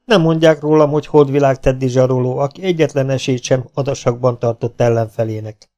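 A man's voice: medium pitch, fairly even intonation, mellow, natural voice. A man voicing a cocky, self-assured outlaw gunslinger who taunts his opponents. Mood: mocking. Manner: mocking, self-assured and teasing.

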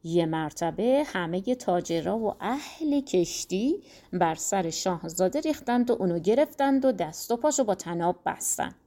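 A woman reads a folk tale aloud as an audiobook, telling it in a casual, expressive way. Her pitch moves widely from line to line while keeping a middle register, and her pacing follows the action. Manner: expressive colloquial storytelling. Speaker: audiobook reader. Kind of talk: storybook narration of a folk tale.

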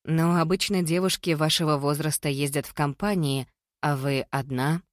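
A woman's voice: sits low, fairly even intonation, normal speed, no room sound, lightly acted. A reader voicing a watchful middle-aged mother who asks polite, pointed questions, in a dry recording. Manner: polite but probing questions.

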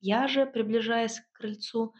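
A woman reading a first-person audiobook in a wry, lively storytelling manner. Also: fairly high pitch, unhurried. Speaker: audiobook narrator.

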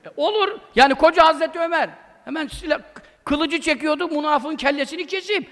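A man's voice: very high-pitched, brisk, pushed and bright. A man giving an informal religious talk as a preacher, emphatic and scolding, breaking into blunt colloquial outbursts. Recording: long hall reverb.

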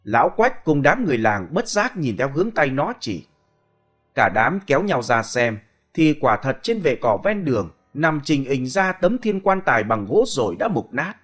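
A man reading a ghost story aloud in a dramatic, expressive way. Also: medium pitch, moderate pace, soft background music. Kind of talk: scripted storytelling.

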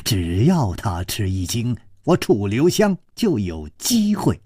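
A man narrating a martial-arts tale in a traditional storytelling style, dramatic and expressive. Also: fairly low pitch, takes it slowly, husky, no echo, clean studio sound.

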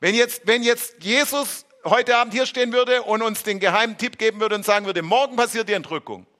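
German-accented male preacher, high bright voice, emphatic sermon delivery. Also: a little fast. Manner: emphatic, rhetorical, acts out quoted voices.

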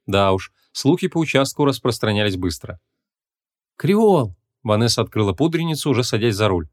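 A man narrating a humorous fantasy audiobook in an expressive, lively manner. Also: fairly low pitch, quick pace, no room sound, clean studio sound.

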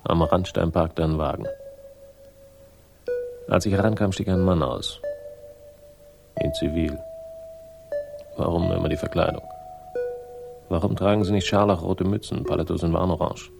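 In a 1960s German radio crime drama, an actor plays a sardonic, world-weary male sleuth telling his own story through first-person narration and dialogue, in dry, laconic irony and a gravelly voice. The low voice has fairly even intonation at normal speed, with long pauses and music in the background. The narration is wry.

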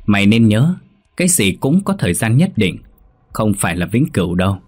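A man voicing a stern, quick-tempered wealthy old landlord who scolds and makes demands. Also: on the low side, very animated, a little mellow, breathy edge.

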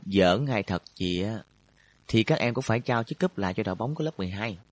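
A man voicing a sharp senior schoolgirl leader who teases playfully. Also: lowish voice, lively intonation, brisk, no room sound. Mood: teasing. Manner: playful, knowing teasing.

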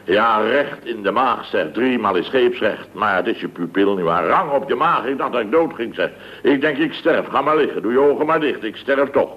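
A blustering, excitable contractor boss who stammers and breaks into loud yelps, played by a man. His slightly high voice swings widely in pitch. The sound is a dull, lo-fi old radio recording. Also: normal speed, lightly acted. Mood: rueful. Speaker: boss of a building firm. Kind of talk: 1960s radio comedy acting.

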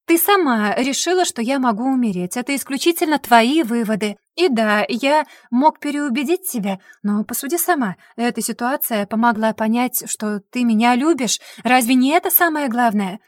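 Woman voicing a smooth-talking young lover. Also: a little high, lively intonation, normal speed, hardly any pauses, dry recording, studio quality, natural voice. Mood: persuasive. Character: cunning young man pleading with his lover. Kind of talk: audiobook character voice.

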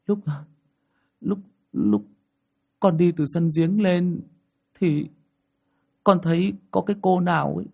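A man's voice: sits high, voice pushed up, lightly acted. A man doing a stammering frightened boy. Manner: stammering, halting. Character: frightened young village boy. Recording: soft music behind.

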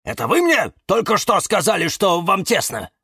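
Guy voicing a high jumpy little cactus, fussy and excitable, storybook. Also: normal speed, breathy edge, no echo, studio quality, full character voice. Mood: puzzled. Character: fussy anxious young male cactus.

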